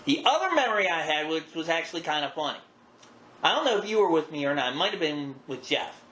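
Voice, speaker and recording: A middle-aged man hosts a podcast, chatting casually and reminiscing about wrestling in a folksy, wry, self-deprecating manner. His voice is fairly high, very animated, bright and forceful, and he talks fast. The recording has a roomy echo and some background noise.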